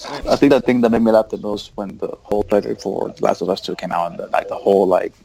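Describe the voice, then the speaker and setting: A man co-hosting a gaming podcast, excitable and saying "dude" often. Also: fairly low pitch, fast, vocal fry, rough recording. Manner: excitable, says dude a lot. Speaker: podcast co-host. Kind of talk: casual gaming chat.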